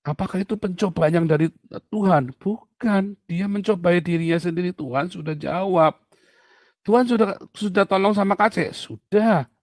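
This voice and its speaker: A man's voice: sits high, normal speed, no echo, studio quality. A man teaching in a sermon-style Q&A. He tells stories with energy and acts out the voices of the people in them. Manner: animated storytelling, acting out voices of people and God.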